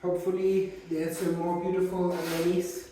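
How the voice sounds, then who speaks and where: Steady and calm, a high-pitched man from Germany, German by first language, fills his speech with frequent uh and um pauses. He serves as co-host and narrator on a channel, doing casual chat and tour narration. The recording is rough, with a little hiss or hum.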